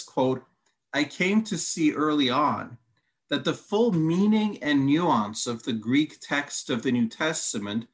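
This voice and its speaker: A man whose first language is Hungarian, a Bible teacher, speaks in a teaching conversation with a mid-range voice and fairly bright tone. He is methodical, reading long quotes aloud and counting off his answers point by point.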